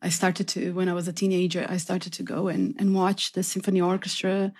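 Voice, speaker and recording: A classical singer from southern Brazil, speaking with a Brazilian accent, tells stories from her life as an interview guest. Her voice sits low and is a little mellow and slightly rough, and she talks a little fast.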